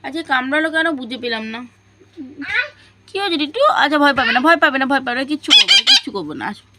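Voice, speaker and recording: A woman on a home vlog, coaxing, gently scolding and cooing at her pet parrots. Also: sits high, huge pitch swings, rapid-fire. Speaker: vlogger talking to pet parrots. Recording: loud background noise.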